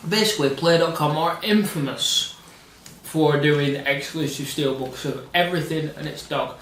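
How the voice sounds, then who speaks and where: Guy ranting about movies, kinda high voice, echoey room from far off. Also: normal speed, a bit bright. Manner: opinionated, emphatic, swears casually. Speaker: co-host. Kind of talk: casual film discussion. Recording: roomy echo, distant mic, faint noise.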